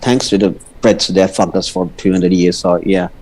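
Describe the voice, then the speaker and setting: A low-pitched, darkish voice with fairly even intonation belongs to an Indian man, a Punjabi speaker using Indian-accented English, who chats at a normal pace as a livestream guest. He stammers and keeps restarting sentences, and the recording is low quality.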